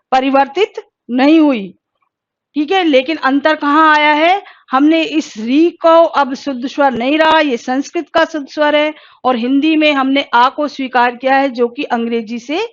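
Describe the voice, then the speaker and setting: High-voiced woman teaching Hindi. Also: dull audio. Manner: asks questions and answers them herself; slow, careful pronunciation drills. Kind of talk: exam-prep lesson.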